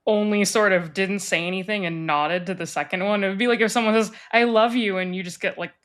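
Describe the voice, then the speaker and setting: A woman's voice: mid-range voice, fairly even intonation, fast, fairly bright tone. Frank, opinionated woman guest. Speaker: podcast guest. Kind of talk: casual chat.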